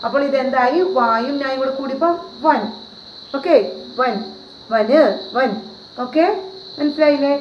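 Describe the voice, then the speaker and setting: A woman with a slightly high voice teaches a video lesson, patient and repetitive, often posing questions to her viewers. The recording is roomy and dull, with a faint hiss behind her. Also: normal speed, pauses often. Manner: patient, repeats and asks rhetorical questions. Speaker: Hindi teacher. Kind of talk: classroom-style video lesson.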